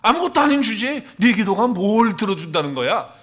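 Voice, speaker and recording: A man's voice: high-pitched, very animated, brisk, fairly bright tone, pitched above the performer's own voice. A man voicing a scornful, tempting inner voice that mocks the listener with taunting questions.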